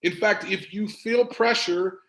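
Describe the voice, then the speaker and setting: Emphatic male performance coach, gravelly, somewhat high voice, echoey room. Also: unhurried. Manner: energetic, emphatic, repeats words for stress. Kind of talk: motivational presentation.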